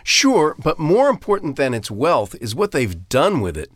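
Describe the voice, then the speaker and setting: A man co-hosts a scripted radio feature, upbeat and storytelling. His pitch rises and falls a lot, and his voice sounds dry and close to the mic. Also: wildly swooping pitch, measured pace, no room sound. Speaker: co-host.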